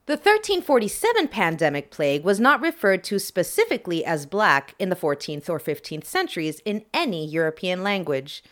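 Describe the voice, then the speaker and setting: Wry, lowish-voiced woman podcaster. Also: fairly bright tone. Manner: playful, wry asides to the audience. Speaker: podcast host. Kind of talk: chatty history explainer to listeners.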